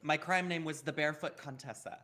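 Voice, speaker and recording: A man playing a tabletop role-playing game, giggly and slow to answer. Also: fairly high pitch, bright, forceful tone. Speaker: player. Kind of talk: casual tabletop role-play.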